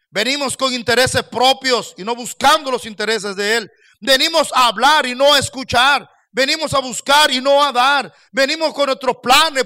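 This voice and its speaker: A man preaching a sermon as pastor, swinging between soft low asides and loud raised exhortations to his listeners. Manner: impassioned preaching, addresses listeners as brothers.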